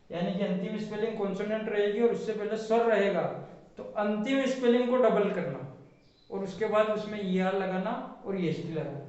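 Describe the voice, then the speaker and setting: Male grammar teacher, high pitch, answers his own questions, dull and echoey distant recording. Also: a little mellow. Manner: spells out words letter by letter, asks and answers own questions. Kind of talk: classroom explanation.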